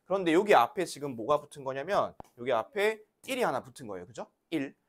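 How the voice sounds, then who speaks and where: Woman, elementary teacher, classroom math lesson, patient coaxing questions, very lively pitch. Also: quick pace.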